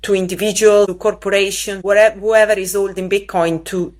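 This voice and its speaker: A woman's voice: medium pitch, little pitch movement, brisk, a little mellow. A woman interviewing a guest, musing aloud and searching for words as she asks questions.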